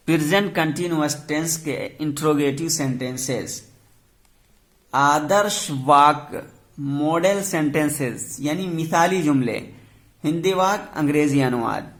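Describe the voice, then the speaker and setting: A man teaching English grammar in with words, explaining step by step and reading the English examples out very slowly. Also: fairly high pitch. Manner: slow, deliberate, reads English examples very slowly. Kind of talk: grammar lesson explaining sentence rules.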